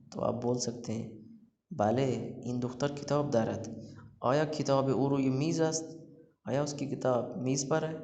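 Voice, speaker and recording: A man's voice: medium pitch, darkish tone. A man teaching a recorded language lecture, explaining and translating each example. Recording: echoey room with long reverb.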